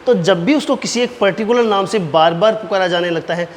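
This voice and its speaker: Male teacher dictating in an echoey room. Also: high voice. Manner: explains point by point, dictating key phrases slowly and repeating them. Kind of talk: exam-prep lecture. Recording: reverberant room with faint noise.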